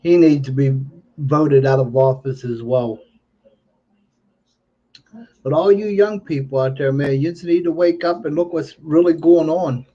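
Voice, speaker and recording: Male livestream commentator, toothless and a little slurred, soft mellow tone, emphatic and repetitive, dull lo-fi sound. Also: fairly high pitch, unhurried. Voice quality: toothless, slightly slurred speech, learning to talk without teeth. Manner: emphatic, repeats phrases. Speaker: livestreamer giving political commentary. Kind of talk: unscripted political monologue. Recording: dull lo-fi stream audio.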